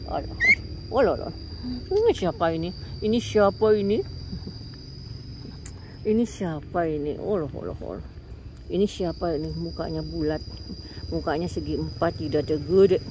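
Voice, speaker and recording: A woman's voice: moderate pace, long pauses. Woman cooing at pets outdoors. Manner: coos and scolds playfully at pets, high-pitched calls. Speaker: vlogger. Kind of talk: casual vlog talking to viewers and pets. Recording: faint outdoor noise with crickets.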